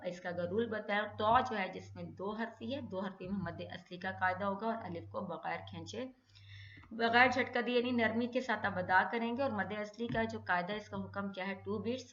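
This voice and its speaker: A woman teaching a Quran recitation lesson, putting questions to herself, answering them, then drawing out each letter slowly. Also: medium pitch, fairly bright tone. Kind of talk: tajweed lesson in Hindi-Urdu. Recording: dull echoey room recording.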